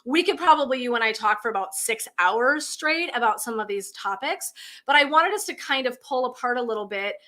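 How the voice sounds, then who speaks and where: A woman's voice: fairly high pitch, expressive, brisk, bright, forceful tone. A woman hosting a live video stream, chatting in a bubbly, effusive way. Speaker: host.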